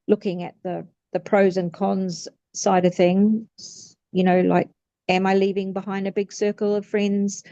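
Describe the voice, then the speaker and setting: A woman's voice: medium pitch, mellow, no echo. A woman in her fifties getting a reading, chatting casually and rambling with many fillers and restarts. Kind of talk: casual chat. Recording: slightly muffled lo-fi audio.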